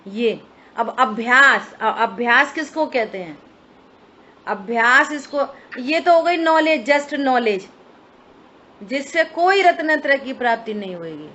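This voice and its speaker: A woman's voice: a little high, sharp tone. A woman giving a religious study discourse, explaining step by step and asking her listeners rhetorical questions. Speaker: scripture teacher. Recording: dull lo-fi recording with faint hiss.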